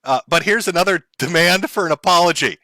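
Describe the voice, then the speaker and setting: A man hosts a stream with profane, sarcastic commentary, laughing as he mocks his subject. His voice sits high and sounds bright and edgy. The sound is dry and close, with no room. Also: a little fast, no echo.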